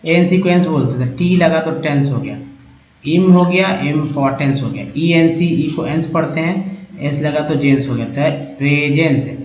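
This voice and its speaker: Guy doing a phonics lesson, spells letters then sounds them out, kinda higher voice, muffled roomy recording. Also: normal speed, a little mellow. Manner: addresses viewers as friends. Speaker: English reading teacher. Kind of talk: spoken lesson explaining word parts. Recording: echoey room, dull lo-fi sound.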